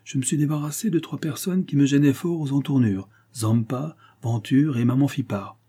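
A man's voice: mid-range voice, moderate pace, dark tone, husky, pitched above the performer's own voice, natural voice. A man reading the part of a scheming young male bandit in an audiobook, speaking in a mocking, carefree tone.

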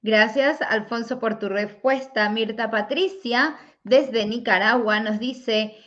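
A woman's voice: on the high side, slow, fairly bright tone. Female Q&A host, polite question reader, muffled lo-fi audio. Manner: brief courteous thanks, then reads questions aloud. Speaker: host reading viewer questions. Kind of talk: moderating a live Q&A. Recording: dull lo-fi sound.

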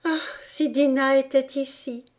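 A woman's voice: fairly even intonation, unhurried, darkish tone. A woman voicing a polite, dreamy young girl in a storybook, eager and pleading. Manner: eager, pleading, higher than her narration.

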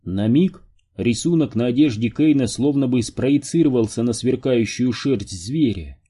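Male audiobook narrator, very dark and husky tone. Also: mid-range voice, unhurried. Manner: steady, even storytelling.

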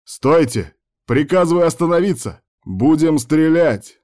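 A stern male soldier barking orders at full volume, as a male narrator plays him. Loud and commanding in an audiobook scene. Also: medium pitch, steady tone, fairly quick, smooth, no room sound, studio quality, pitched above the performer's own voice, natural voice.

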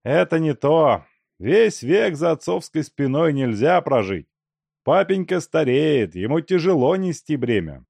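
A man playing a scheming middle-aged suitor who speaks in a persuasive, assured tone, gravelly and mellow, in a storybook reading. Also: fairly high pitch, big pitch swings, measured pace, no echo, pitched above the performer's own voice, heavily acted.

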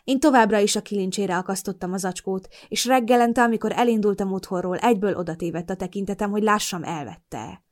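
A woman narrating a novel in the first person, in a calm, steady storytelling manner. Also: mid-range voice. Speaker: audiobook narrator. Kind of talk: scripted narration.

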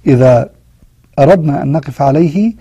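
A man with an Egyptian accent teaching Quran recitation rules, mixing formal Arabic with colloquial asides and chanting the verse examples slowly. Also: on the high side, expressive, dark tone, slightly rough, no echo, lo-fi sound. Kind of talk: tajweed lesson with recited examples.

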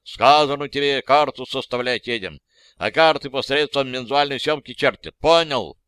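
A man's voice: medium pitch, normal speed, fairly bright tone, clean tone, no echo, close to an everyday voice. A man voicing a young tsarist army officer who is mocking and condescending, read in an audiobook. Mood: indignant.

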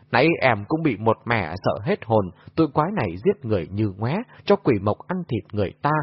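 A man voicing a bold, sharp-tongued young heroine in an audiobook, speaking briskly and teasingly, recorded in a muffled lo-fi way. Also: mid-range voice, slightly rough.

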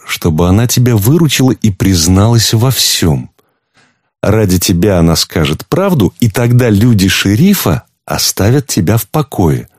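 A man's voice: lowish voice, a little mellow, no room sound, studio quality. A man reading an audiobook, voicing a stern, shrewd wife who speaks firmly and reproachfully. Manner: firm, cutting, reproachful. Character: stern shrewd wife, woman, coldly in control.

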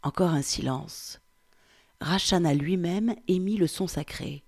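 A woman reading the part of a 47-year-old Frenchman, reciting in a slow, hushed, meditative way. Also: lowish voice, gravelly. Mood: contemplative. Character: 47-year-old French man, pondering who he is. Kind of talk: reading a novel aloud.

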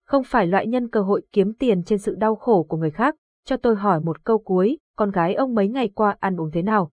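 Stern old exorcist, calm authority, horror audiobook, woman narrator, husky tone. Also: medium pitch, dry recording, muffled recording, natural voice. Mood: grave. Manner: measured, authoritative.

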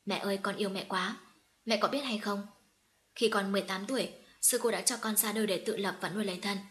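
A woman's voice: medium pitch, fairly even intonation, fast talker, a bit bright, lightly acted. Woman reading as a sobbing young orphan woman. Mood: choked up. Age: young adult. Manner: choked, sobbing. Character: young orphan woman, emotional, finding her family.

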